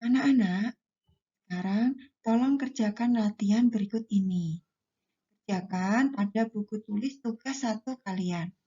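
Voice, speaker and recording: A woman teaching a primary school class, explaining slowly and deliberately to her pupils. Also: medium pitch, mellow, lo-fi sound. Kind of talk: classroom lesson for children.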